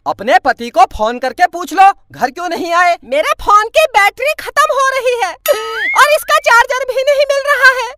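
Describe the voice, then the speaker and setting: A man performing a slapstick comedy sketch, talking loudly with exaggerated shouting and mock crying. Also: extremely high pitch, animated, moderate pace, hardly any pauses, no room sound, studio quality. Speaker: comedy sketch performer voicing several characters. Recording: loud music under the voice.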